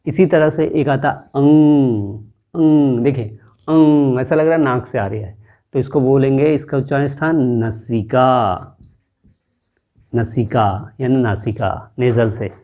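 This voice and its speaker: A man teaching a pronunciation lesson, demonstrating sounds with drawn-out repetitions. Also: mid-range voice, darkish tone. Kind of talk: slow spoken lesson with demonstrations. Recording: dull lo-fi audio.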